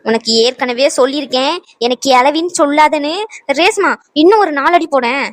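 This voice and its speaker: A woman plays a fierce old grandmother in a cartoon who scolds and threatens, her voice pitched high. The sound is dry and close. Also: brisk, dry recording, natural voice. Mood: scolding. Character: feisty old grandmother, sharp-tongued mother-in-law.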